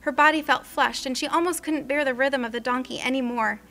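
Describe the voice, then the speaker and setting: Brief: bright, expressive female storyteller, scripted narration. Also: high voice, brisk. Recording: faint music underneath.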